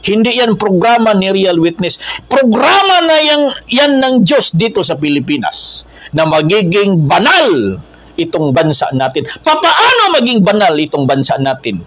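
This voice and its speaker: Filipino preacher, high lively delivery. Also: male voice, moderate pace, dry recording, poor audio. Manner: swings between low earnest talk and loud high exhortation; mixes English words into Filipino speech. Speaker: religious movement preacher. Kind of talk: impassioned sermon.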